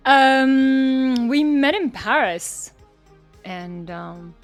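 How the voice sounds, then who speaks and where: A woman's voice: high voice, drawn-out words, soft background music. A woman from Estonia, a podcast guest telling stories in casual talk and laughing often.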